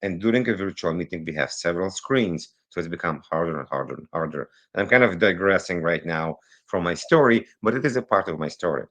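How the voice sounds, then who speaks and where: Here a deep-voiced Israeli man, whose first language isn't English, is interviewed over a virtual call about his work in cybersecurity consulting. His storytelling is lively and digressive, and he speeds through certain phrases.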